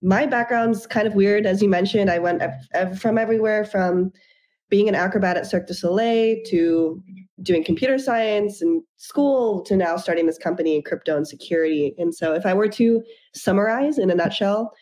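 A young adult startup founder with ties to Japan and the United States tells her story fluently and upbeat as an interview guest on a video call from a room at home. Her voice is medium-pitched and darkish, at a normal speed, picked up by a webcam microphone.

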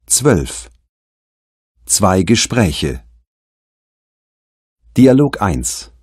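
A man's voice: deep voice, big pitch swings, a little mellow, husky, no echo. A man announcing exercise numbers in scripted course narration, recorded in a studio. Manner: very slow, announcing.

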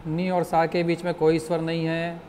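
A man teaching music theory in a slow, patient lecture, explaining step by step and asking the class questions. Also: fairly high pitch, completely flat delivery, a little mellow, slight background noise.

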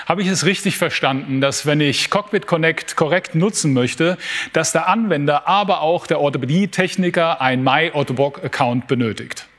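A man's voice: a little high, normal speed, a bit bright. Middle-aged male studio host. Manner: clear questions, polite lead-ins. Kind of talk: moderating a studio interview. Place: television-style studio.

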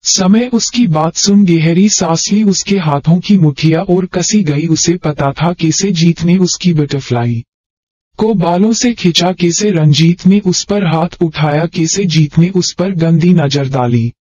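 A man's voice: on the high side, unhurried, no echo. Man narrating a romance audiobook. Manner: steady storytelling read. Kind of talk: scripted narration. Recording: dull, dry audio.

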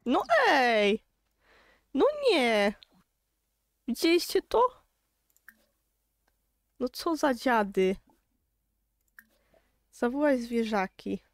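A woman's voice: fairly high pitch, animated, very slow, pauses often, dry recording, studio quality. Chatty, exasperated young Polish woman. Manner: exasperated, chatty, talks to viewers. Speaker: gaming YouTuber. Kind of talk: casual gameplay commentary.

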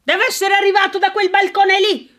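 A woman voicing an irate elderly English country gentleman who shouts and blusters in outrage, in an audiobook. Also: very high-pitched, level tone, normal speed, pitched above the performer's own voice. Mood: furious. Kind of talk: audiobook character voice.

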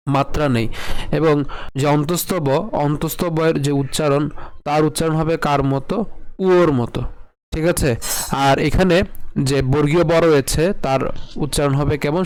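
A man gives a recitation lesson. He patiently breaks each word apart and repeats it slowly. His voice sits a little high and has a clean, resonant tone. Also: darkish tone, poor audio. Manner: patient, explains letter by letter, repeats words slowly. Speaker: Sanskrit recitation teacher. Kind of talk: spoken pronunciation lesson with slow chanted verse.

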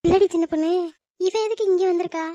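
A woman's voice: very high voice, fairly even intonation, fast talker, mellow, no room sound, highs cut off. A woman voicing a fussy, suspicious middle-aged aunt in a cartoon, nagging and questioning. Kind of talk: animated cartoon dub.

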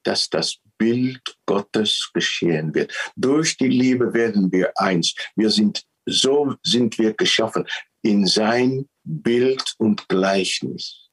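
Slow, husky preacher man. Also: lowish voice, poor audio. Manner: animated storytelling, repeats words. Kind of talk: sermon.

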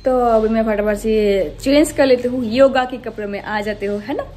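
A woman's voice: a little high, moderate pace, mellow. A woman in her twenties chatting casually to her viewers in a home vlog. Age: 20s. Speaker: vlogger. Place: bedroom at home. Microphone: phone or camera within arm's reach.

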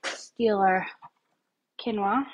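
Filmed on a phone propped on the kitchen counter, this thirty-something woman vlogs a relaxed cooking demo, wandering off topic and using lots of filler words. She speaks very slowly at a medium pitch, and the recording is very noisy.

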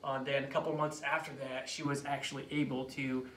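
Being introduced as a chiropractor, a late-20s man from Iraq relates a personal story in a casual interview, his medium-pitched voice a little bright and fairly level in pitch. He speaks haltingly and keeps repeating words and phrases. The clip was shot on a phone camera a few feet away in a small indoor office, so it sounds echoey and distant, with slight noise.

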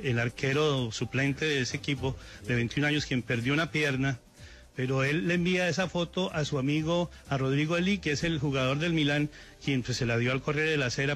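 A man's voice: medium pitch, fairly bright tone. A man giving a live radio news report as a correspondent.

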